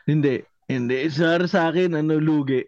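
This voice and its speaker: A man's voice: fairly high pitch, moderate pace, darkish tone, dry recording, lo-fi sound. A man co-hosting a podcast in casual chat, giving short replies and laughing often. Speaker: podcast co-host.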